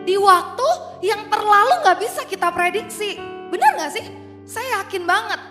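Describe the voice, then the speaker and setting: A woman preaching an animated, playful online youth sermon. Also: very high voice, moderate pace. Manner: animated, playful, mixes in English phrases. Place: online church service in a large hall. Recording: reverberant hall with faint music.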